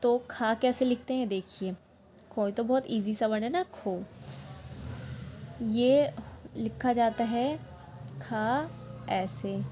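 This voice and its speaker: A patient young woman gives an online language lesson, spelling out words syllable by syllable and repeating them slowly. Her voice sits a little high yet sounds mellow and soft-edged. A faint hiss of noise runs under the recording. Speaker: Korean language teacher.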